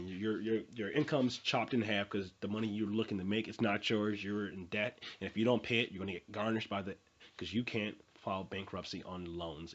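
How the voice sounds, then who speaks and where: Through a muffled recording comes a fairly low voice with a breathy edge, belonging to a motivational vlogger in his twenties. His unscripted talk is earnest and repetitive, filled with fillers, repeated phrases and frequent restarts.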